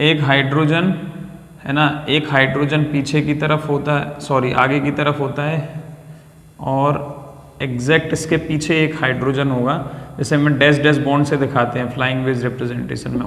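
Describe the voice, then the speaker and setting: A man's voice: a little high, moderate pace, a bit bright. A male chemistry teacher giving a whiteboard lecture, repeating key terms and calling his students "beta" as he checks that they follow. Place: classroom or studio with a whiteboard. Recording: echoey room with long reverb.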